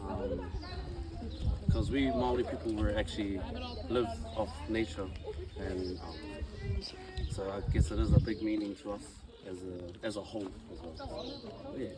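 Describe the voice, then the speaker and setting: A man's voice: on the low side, fairly even intonation. Shy New man, distant and crowded. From New Zealand. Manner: shy, halting, soft-spoken. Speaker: interviewee. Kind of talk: casual street interview. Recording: far from the mic, crowd behind.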